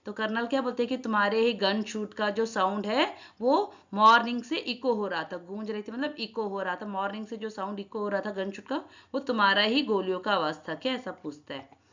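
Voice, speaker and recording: Female teacher, mid-pitched, explains a children's reading lesson, recording dull and lo-fi. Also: brisk, fairly bright tone. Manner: rereads each sentence, then glosses Hindi words in English; addresses children as she teaches. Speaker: Hindi teacher. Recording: dull lo-fi sound.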